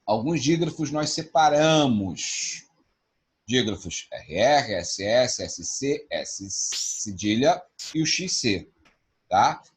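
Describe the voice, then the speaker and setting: Male teacher, husky voice, animated delivery, online class. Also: medium pitch. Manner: lively, spells out examples slowly.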